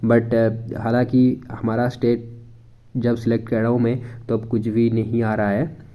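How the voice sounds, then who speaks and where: A man's voice: medium pitch, monotone, measured pace, mellow. A young man from India walking viewers through a website in a casual, chatty way, mixing Hindi and English and thinking aloud with frequent fillers. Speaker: education YouTuber. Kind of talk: casual screen walkthrough.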